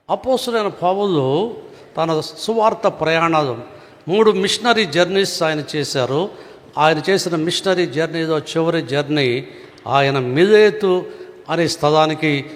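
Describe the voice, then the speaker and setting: A man preaching a sermon as pastor, earnest and given to rhetorical questions. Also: fairly high pitch. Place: church hall. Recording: long reverb of a church hall.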